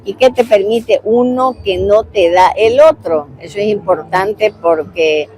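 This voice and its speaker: A woman hosting a podcast interview, reacting with enthusiasm and warmth. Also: mid-range voice, measured pace, slight background noise. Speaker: podcast host. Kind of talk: interview conversation.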